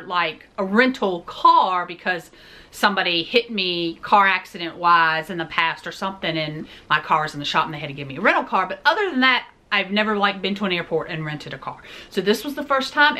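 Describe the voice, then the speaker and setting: A woman in her forties hosts her own vlog, chatting through a casual shopping haul at a normal speed. Her middling-pitched voice has a bright, crisp edge, and she jokes and talks directly to her viewers in a relaxed, chatty way.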